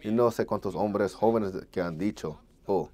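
A man's voice: on the low side, measured pace, warm tone. A man preaching a sermon, candid and self-mocking, acting out his own inner dialogue as he tells stories. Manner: storytelling with acted inner dialogue.

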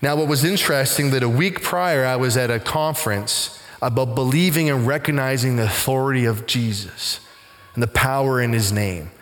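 A middle-aged man, a pastor, telling a story in a conversational sermon and growing animated as he recounts it. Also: normal speed. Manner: conversational, animated when retelling, rising pitch in excitement. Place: church sanctuary. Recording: long hall reverb in a church.

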